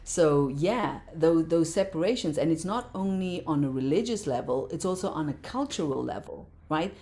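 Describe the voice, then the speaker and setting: Low, mellow-voiced woman talking passionately. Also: lively intonation, moderate pace. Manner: passionate, repeats words for emphasis. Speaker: podcast guest, meditation teacher. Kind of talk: casual interview talk.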